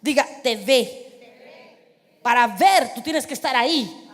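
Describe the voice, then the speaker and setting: A woman's voice: high-pitched, expressive, slow, a bit bright. A woman preacher delivering a fervent sermon, firing rhetorical questions and calling for responses from the congregation. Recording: long reverb of a large hall.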